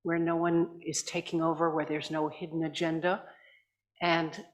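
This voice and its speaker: An older woman chairs an assembly, giving a formal welcoming address in a large conference hall. Her low voice is calm, polite, measured and courteous, if slightly halting, and the recording is echoey with lots of reverberation from the hall.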